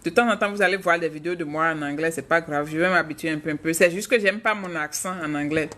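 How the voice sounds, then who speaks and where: This is a chatty, frank woman originally from Africa who hosts a casual live stream and talks straight to her viewers as she answers their questions. Her voice is bright and forward, and faint noise sits under it. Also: low voice, quick pace. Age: adult, mother of a child. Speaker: YouTuber hosting a live stream.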